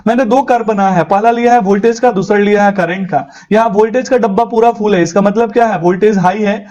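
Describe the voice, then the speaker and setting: High-voiced tutor, slightly muffled. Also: male voice. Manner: energetic, coaxing, mixes in English phrases slowly spelled out. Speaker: engineering tutor. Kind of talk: explanatory lesson for interview prep. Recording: slightly dull lo-fi sound.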